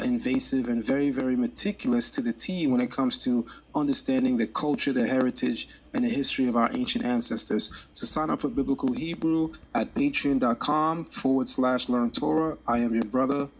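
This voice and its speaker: A man giving a brisk, persuasive promo for his online courses. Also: medium pitch, husky. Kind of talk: promo announcement.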